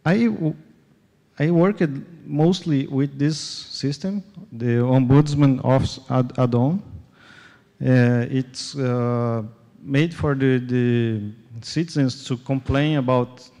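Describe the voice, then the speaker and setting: Halting Brazilian man, slow and reverberant. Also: medium pitch, dark tone. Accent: Brazilian Portuguese. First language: Portuguese. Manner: halting, many fillers and restarts. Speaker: conference speaker. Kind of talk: tech conference talk with live demo. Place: large conference hall. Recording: long hall reverb.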